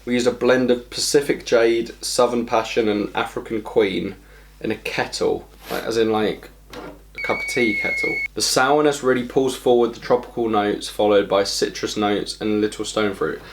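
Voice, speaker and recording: A man's voice: fairly low pitch, fairly even intonation, moderate pace. A man hosting a casual beer review vlog, speaking bluntly, with a lot of swearing and exasperation, at a table. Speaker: beer reviewer, channel host. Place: at home, at a table.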